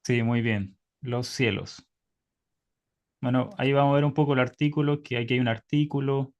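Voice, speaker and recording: A man's voice: medium pitch, fairly even intonation, normal speed, darkish tone, muffled recording. A man teaching Hebrew in an online class by video call, patiently quizzing his students.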